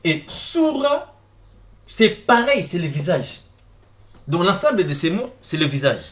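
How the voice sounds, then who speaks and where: In a fairly high, a bit bright voice with big pitch swings, a male presenter talks at a moderate pace through an informal explanatory lecture over on-screen text. He asks viewers questions head-on and repeatedly echoes words as he looks for them.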